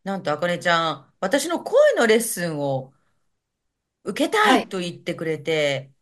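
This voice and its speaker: A woman's voice: fairly low pitch, measured pace. A middle-aged woman hosting a casual podcast interview, encouraging her guest and laughing often. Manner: warm teasing, laughs often, lively cheering. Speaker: podcast host.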